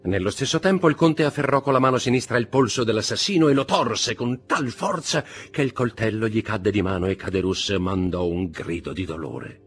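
Husky Italian male audiobook narrator. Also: fairly low pitch, normal speed, hardly any pauses, soft background music. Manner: vivid, expressive storytelling. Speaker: audiobook reader.

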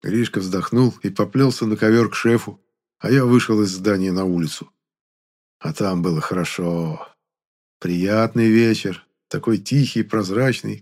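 A man narrating a first-person audiobook in an even storytelling manner. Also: on the low side.

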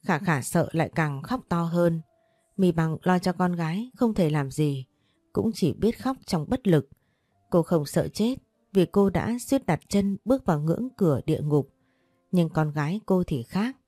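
A woman narrating a scripted audio story with a steady, dramatic delivery. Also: fairly low pitch, measured pace, no room sound, studio quality, faint music behind.

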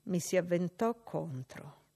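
A woman reading a classic novel as an audiobook, measured and expressive. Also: on the low side, vocal fry, breathy edge. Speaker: audiobook reader. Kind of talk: literary audiobook narration.

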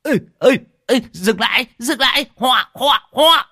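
A man doing a yelling bald old man, Lão Hói. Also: animated, normal speed, heavily acted. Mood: alarmed. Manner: yelling in high alarm. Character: rowdy bald old man on a runaway motorbike.

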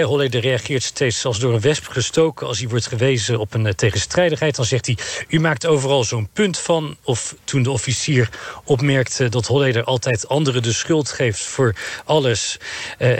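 A male court reporter giving a live radio news report, retelling testimony in a measured way with frequent pauses and hesitations. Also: mid-range voice, slightly rough, dry recording.

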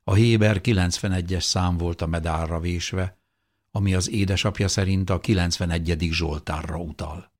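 A man narrating an audiobook in a calm, measured storytelling manner. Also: low voice. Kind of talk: scripted narration.

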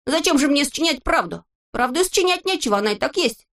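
Playing a cocky, happy-go-lucky little male character from a kids' storybook, a woman keeps her high, childlike voice upbeat and untroubled. Her delivery is quick and lively, with a fairly bright tone.

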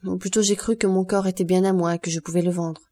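A woman's voice: on the low side, steady tone, quick pace, warm tone, natural voice. A woman voicing an earnest young man who is a devoted son, in an audiobook reading. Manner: earnest, persuasive, forced cheer.

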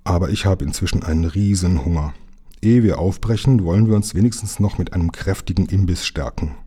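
A man reading a storybook aloud, voicing a sturdy adult engine driver who grumbles low and unhurried. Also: warm tone, breathy edge. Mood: hearty.

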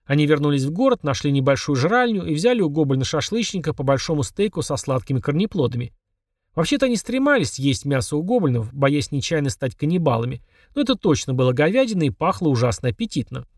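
A man narrating an audiobook with a somewhat high voice. His reading is lively, and he pitches up for the characters. The sound is dry and close, with no room around it. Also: fast talker, no room sound, recorded from a distance. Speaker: audiobook reader. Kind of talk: scripted narration.

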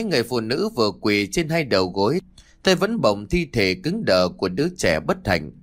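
A man reads a Vietnamese-style ghost story aloud with slow, dramatic pacing. His mid-pitched voice rises and falls in a lively, animated way. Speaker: horror story narrator.

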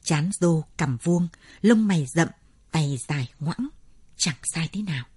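A woman narrating a story in a measured, dramatic storytelling manner. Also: sits low, animated, a little mellow, husky, no room sound.

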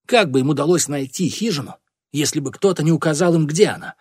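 A man's voice: fairly high pitch, fast, slightly rough, dry recording, clean studio sound, pitched above the performer's own voice. A man voicing a stern, scheming boy who leads a village gang and accuses and threatens his troops. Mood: furious. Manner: commanding, accusing.

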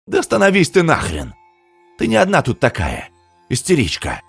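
Crude, loud older woman over fifty, put on by a man, husky, lively. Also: mid-range voice, normal speed, no echo, faint music behind, pitched above the performer's own voice, full character voice. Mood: shouting. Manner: rude, brash, loud.

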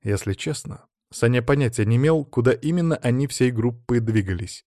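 A man reading fantasy-adventure narration in a steady, even storytelling manner. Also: mid-range voice, brisk, no room sound, clean studio sound. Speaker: audiobook narrator. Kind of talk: scripted narration.

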